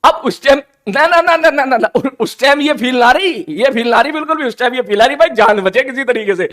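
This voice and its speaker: A man, telling a funny personal story in a playful, animated, teasing way, like a teacher chatting with his class. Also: extremely high pitch, a little fast. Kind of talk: casual storytelling.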